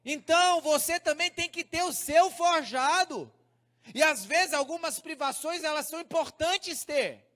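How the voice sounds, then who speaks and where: A man's voice: extremely high pitch, fairly bright tone. A male pastor with a Brazilian Portuguese accent preaching to young people, speaking straight to the crowd and telling stories. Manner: preaching to a crowd, addressing them directly, storytelling. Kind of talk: sermon to a youth congress. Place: large church hall. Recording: hall reverb.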